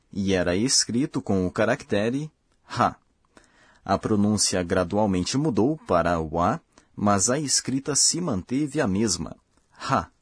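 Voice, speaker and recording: A language course host with a husky, low-pitched voice narrates a scripted lesson, speaking slowly and carefully as he explains. The recording is dry and close-miked, with no room sound and no echo.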